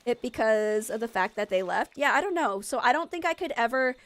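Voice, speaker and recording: A woman's voice: a little high, animated, a little fast, a bit bright. A woman from Maine streaming a game, chatting in a rambling way with her viewers and laughing often. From Maine, USA. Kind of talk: casual chat while streaming a game.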